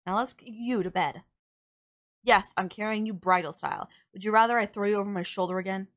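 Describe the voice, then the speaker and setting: In an audio roleplay, a woman plays a sardonic villain nemesis who scolds and teases the listener, exasperated yet caring. Her voice is medium-pitched and natural, and she talks a little fast.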